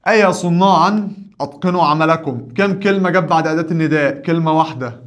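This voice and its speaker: An Arabic teacher with an Egyptian accent walks through grammar drills. He pitches each question up with energy, then settles down low and firm for the answer, in the steady back-and-forth rhythm of a classroom lesson. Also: fast talker.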